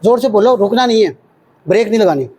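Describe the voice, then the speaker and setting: A man's voice: high voice, animated, fast, dark tone, a little hiss or hum, low-quality recording. A man with a Pakistani Urdu accent teaching a hands-on CPR workshop, drilling counts aloud and quizzing his class. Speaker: CPR trainer. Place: training workshop room with children.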